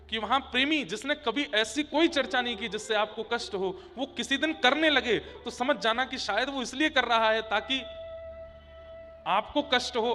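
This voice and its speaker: Male preacher telling a katha story, emotional, bright tone, echoey hall with soft music. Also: very high-pitched. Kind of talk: devotional katha storytelling sermon. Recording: long hall reverb with faint music.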